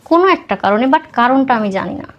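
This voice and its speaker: The sound is lo-fi, and her voice sits high with lively intonation at a slightly quick pace. A young woman with a Bangladeshi accent, she's a podcast guest narrating her own life conversationally and mixing in English words.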